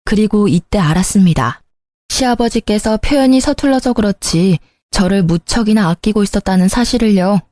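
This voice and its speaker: A woman's voice: medium pitch, expressive, normal speed, warm tone, dry recording, clean studio sound. A woman narrating a first-person family story in a chatty, confiding way.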